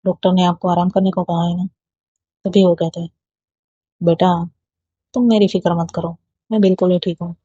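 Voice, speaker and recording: A woman's voice: lowish voice, little pitch movement, moderate pace, pauses often, mellow, breathy edge, dry recording. A woman reading a love story aloud, voicing every character in her own plain voice. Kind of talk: narrated love story, reading all parts. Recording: dull lo-fi dry recording.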